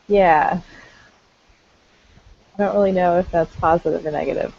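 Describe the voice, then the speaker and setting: Chatty gravelly speaker on a call. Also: mid-range voice, a little mellow, no room sound. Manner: chatty, says "like" often. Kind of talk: casual group discussion on a call. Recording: dull lo-fi call, faint noise.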